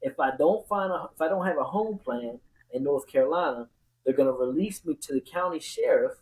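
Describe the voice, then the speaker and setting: A man's voice: fairly high pitch, brisk, darkish tone, slight background noise, low-quality recording. A man telling his own story in casual conversation as a podcast host, repeating words for emphasis.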